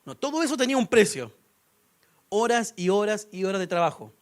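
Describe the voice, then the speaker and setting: A man's voice: high voice, very animated, a little fast. A young man preaching a sermon in a conversational way, with humor and rhetorical questions. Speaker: pastor.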